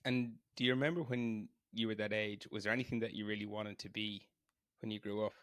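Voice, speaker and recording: Speaking fairly quickly in a steady, slightly bright voice on the low side, a podcast host opens the show and interviews his guest conversationally. He explains things and puts questions plainly to both listeners and guest. The recording is dry and of studio quality.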